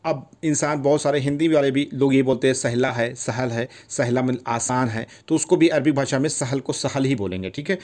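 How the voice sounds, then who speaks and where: A man's voice: mid-range voice, fairly quick, hardly any pauses, darkish tone. Man teaching words, repeating each one. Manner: repeats each word, checks in with "theek hai". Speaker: language teacher. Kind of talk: casual video lesson.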